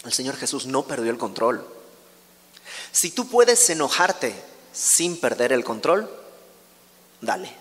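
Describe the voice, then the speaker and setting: A man's voice: mid-range voice, very animated, takes it slowly, long pauses, a bit bright, big-room sound. A man teaching a verse-by-verse Bible study in a conversational way, often asking his listeners questions. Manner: conversational, asks the audience questions.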